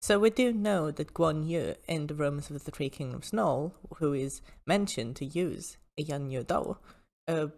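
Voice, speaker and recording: A woman hosting an informal explanatory history talk, with hesitant asides as she explains. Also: on the low side.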